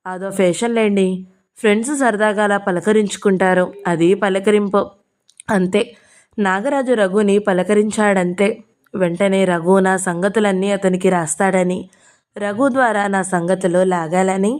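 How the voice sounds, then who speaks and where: A woman's voice: mid-range voice, steady tone, moderate pace, a little mellow, close to an everyday voice. A woman reading the part of an earnest young wife in an audio novel, in her own voice.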